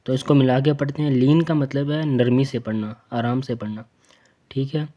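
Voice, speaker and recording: A man with a Pakistani Urdu accent gives a slow, spelled-out recitation lesson. He speaks in a fairly level tone at a middling pitch, naming each letter and mark patiently and repeating every sound. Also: fairly even intonation, dark tone. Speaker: Quran reading teacher.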